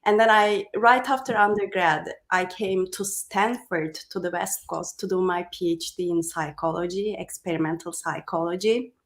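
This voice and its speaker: A woman's voice: fairly low pitch, moderate pace, hardly any pauses. A woman in her thirties from Turkey, a coach speaking as a podcast guest in casual talk, articulate and often using "like". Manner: articulate, uses "like" as filler. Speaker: guest, high performance coach.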